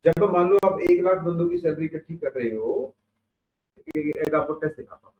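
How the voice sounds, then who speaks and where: Far from a phone-like mic in a reverberant classroom, a male instructor with a higher, expressive voice lectures at a moderate pace. He works through the material step by step, tossing in rhetorical questions, with slight background noise present.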